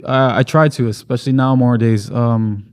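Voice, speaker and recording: A man's voice: mid-range voice, fairly even intonation, normal speed, smooth. A man raised in Miami, a muralist guest talking casually and enthusiastically in an interview, rambling with fillers.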